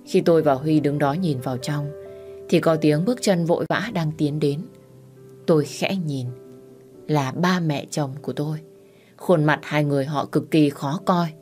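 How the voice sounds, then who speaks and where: A woman narrates a first-person audio story in a soft, subdued voice. Her pitch sits low for a woman, and faint music plays underneath. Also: moderate pace.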